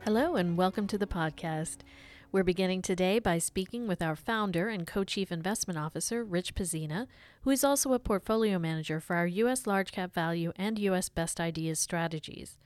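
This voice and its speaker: A woman with a fairly low voice presents a podcast in a scripted narrating style. She introduces and questions guests as host, with some music in the recording. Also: fairly quick, darkish tone, dry recording.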